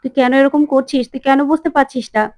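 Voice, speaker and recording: A woman's voice: sits high, steady tone, quick pace, a little mellow, no room sound, studio quality, natural voice. A woman voicing an earnest young wife and protective older sister who talks in a firm, scolding way.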